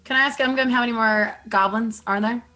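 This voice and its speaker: A woman's voice: fairly high pitch, steady tone, fairly quick, sharp tone. A woman playing a tabletop game, trading casual banter in a blunt, needling way.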